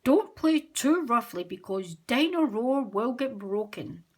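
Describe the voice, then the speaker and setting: A woman reading aloud, voicing a jolly father pig from a cartoon storybook, loud and hearty. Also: fairly high pitch, very animated, unhurried. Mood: cheerful.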